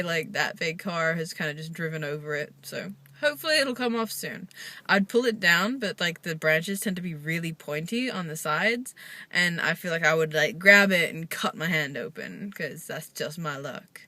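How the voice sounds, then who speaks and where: A woman's voice: fairly low pitch, bright, forceful tone. A young woman, chatting casually to camera in a rambling, chatty way full of "like". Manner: chatty and rambling, many "like" fillers. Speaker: vlogger. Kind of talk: casual chat.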